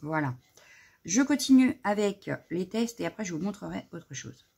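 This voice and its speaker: A woman's voice: lowish voice, lively intonation, normal speed, creaky, mellow, slight background noise. A middle-aged woman showing her craft purchases in a casual haul, chatting with many fillers and a slight frog in her throat. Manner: chatty, lots of "voilà" and fillers. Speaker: crafting vlogger.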